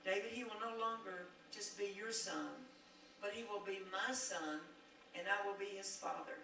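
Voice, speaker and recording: A woman's voice: mid-range voice, moderate pace, bright, forceful tone. A woman pastor preaching a sermon, reading scripture aloud with rising emphasis and putting questions to the congregation. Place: church sanctuary. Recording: echoey church room, voice from far off, faint noise.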